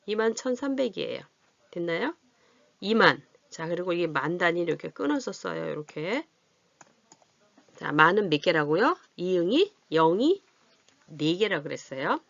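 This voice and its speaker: A woman's voice: lowish voice, big pitch swings, creaky, fairly bright tone, dry recording. A woman teacher patiently explaining how to read and write large numbers, often asking whether her learners follow. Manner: patient, checks understanding with questions; drawn-out counting while writing. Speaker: adult literacy teacher. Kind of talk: classroom math lesson. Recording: dull, dry lo-fi recording.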